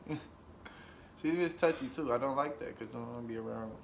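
A young man talks casually on camera, bragging and joking in a loose, laid-back way. His voice sits at an ordinary middle pitch. Faint background noise runs under it. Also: moderate pace, vocal fry. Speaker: guest, best friend. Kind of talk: casual chat.

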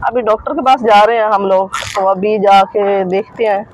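Holding her phone at arm's length, a middle-aged woman narrates a casual family vlog from her car in a bustling market street, speaking straight to her audience in a chatty way and repeating filler phrases. Her mid-range voice has fairly even intonation at a normal speed, the recording is rough, and faint vehicle and traffic sounds come through.

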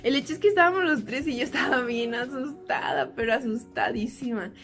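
A young woman with a Mexican Spanish accent telling a storytime vlog, animated and laughing often as she acts out the quotes. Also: high-pitched, a little fast, faint music behind. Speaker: vlogger.

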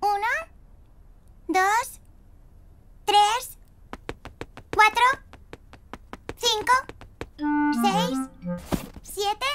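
Very high-pitched little girl piglet. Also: steady tone, very slow, long pauses, fairly bright tone, full character voice. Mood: counting eagerly. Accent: Castilian Spanish. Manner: emphatic, childlike. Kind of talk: children's cartoon dubbing. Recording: music behind the voice.

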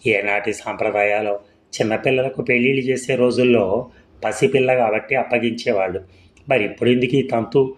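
A man narrating a short story in a measured, expressive storytelling manner. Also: medium pitch.

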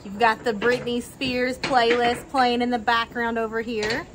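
A woman's voice: on the high side, flat delivery, a little slow. Playful woman vlogger. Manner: playful, teasing. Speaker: family vlogger. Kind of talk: casual vlog chat. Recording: noisy background.

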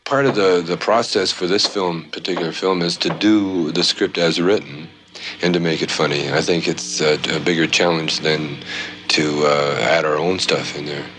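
A male actor giving a relaxed, rambling interview, chuckling between thoughts. His voice is very low. Steady noise sits behind him. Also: moderate pace. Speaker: actor in the film. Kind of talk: casual interview.

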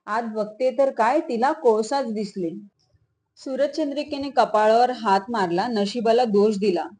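A woman's voice: on the high side, measured pace, warm tone. A woman reading a devotional folk tale aloud as storyteller, often restarting and correcting herself. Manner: reads with frequent small restarts and self-corrections.

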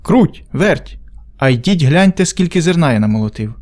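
A man voicing a hardworking, patient and fair rooster in a storybook reading, with a high, bright calling voice. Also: sing-song, fairly quick.

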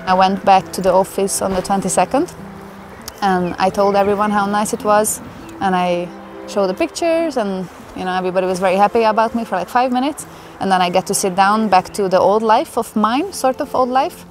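Out in a forest, a young adult woman from Hungary tells her story in English fairly quickly, her pitch in the middle range. She comes across as earnest and emotional, chatting with plenty of fillers, while clear music plays underneath.

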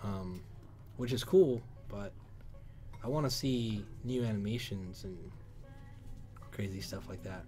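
In a lowish, dark voice, a Cuban livestream host in his thirties takes it slowly with long pauses, reading chat questions aloud through a headset. Soft music plays in his indoor workshop studio; his manner is upbeat and he sings along.

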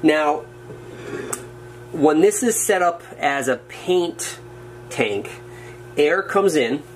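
This hobbyist speaks extremely slowly yet animatedly in a fairly high voice as he walks through a workshop project at a wooden workbench or floor indoors. Muttering as he goes, he tosses out wry remarks about his slip-ups; the shot shows his hands, and there's a faint hiss or hum.

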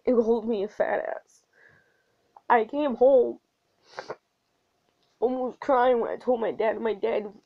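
A young woman talking straight to one person in an emotional video message, in an earnest, halting way. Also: on the high side. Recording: dull lo-fi recording.

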